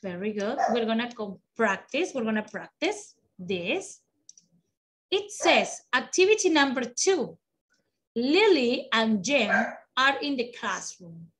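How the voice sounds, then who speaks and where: A woman teaching English to children over a video call, encouraging and slow, switching between English and Spanish. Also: on the high side, big pitch swings, fairly bright tone. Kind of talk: online children's class.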